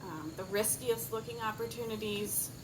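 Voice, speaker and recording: A woman officiant giving a wedding speech with deliberate, emphatic phrasing and light humour. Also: fairly high pitch. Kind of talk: wedding ceremony speech with advice. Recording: clear insect and outdoor background noise.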